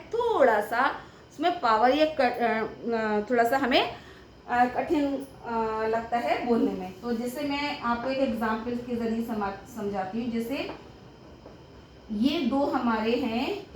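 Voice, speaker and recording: A young woman teaching an English grammar lesson at a board. She explains step by step and keeps checking with her students. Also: high voice. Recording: echoey room with faint background noise.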